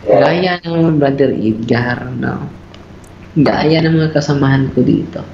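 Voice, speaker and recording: Slow-talking priest, echoey room. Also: male voice, gravelly, slight background noise. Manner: animated storyteller, mixing English into Filipino, frequent "bro" and "no?". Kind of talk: conversational teaching in a talk show. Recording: roomy, dull low-fi sound.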